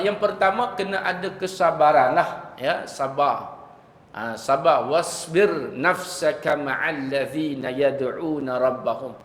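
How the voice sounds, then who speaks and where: A male preacher with a Malaysian accent giving a religious lecture, asking rhetorical questions and chanting Arabic quotations. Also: on the high side. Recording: reverberant hall over loudspeakers.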